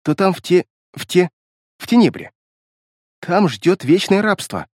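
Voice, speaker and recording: A man voicing a timid little beast girl who speaks in halting, stammering bursts in an audiobook. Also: a little high, sing-song, a little mellow, no room sound, studio quality.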